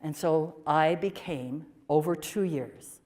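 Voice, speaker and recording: A woman portraying a pioneering 1830s nun, telling her story in the first person with expressive swings from emphatic to hushed. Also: low-pitched, slow. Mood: earnest. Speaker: performer of a historical portrayal.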